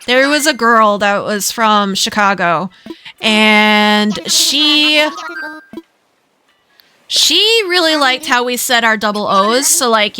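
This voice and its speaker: A woman's voice: mid-range voice, bright, forceful tone, smooth. A woman from Minnesota with a Minnesotan accent, chatting casually and giggling while streaming a game. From Minnesota, USA. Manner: chatty, giggly, rambling aside to chat.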